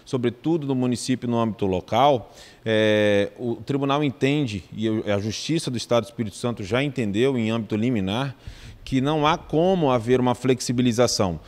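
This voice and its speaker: A man's voice: mid-range voice, darkish tone. Formal Brazilian man with reverberant sound. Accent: Brazilian Portuguese. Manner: measured, formal, with frequent restarts and fillers. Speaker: legal adviser. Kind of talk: formal legal explanation in an interview.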